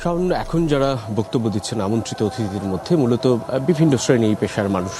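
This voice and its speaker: A man giving a live field news report from an outdoor plaza, measured and steady, pausing with frequent filler sounds. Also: medium pitch, noisy background. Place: outdoor plaza at a public event.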